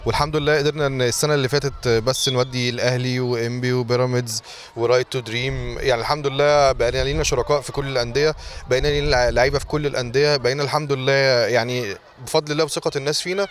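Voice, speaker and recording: A man's voice: mid-range voice, steady tone, very fast, a little hiss or hum. An Egyptian man who runs a sports academy, answering interview questions earnestly and repeating thanks.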